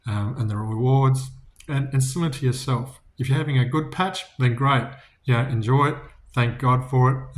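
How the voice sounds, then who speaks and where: Man, casual faith talk, informal, restarts often, mid-pitched voice. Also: roomy sound. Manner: informal, many restarts, storytelling.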